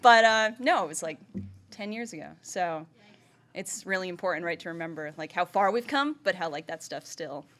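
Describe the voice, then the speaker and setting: An entrepreneur in her thirties from Vermont gives a chatty presentation, full of "like" and "right?" and frequent laughter. Her voice is fairly low and a bit bright, with lively intonation at a moderate pace.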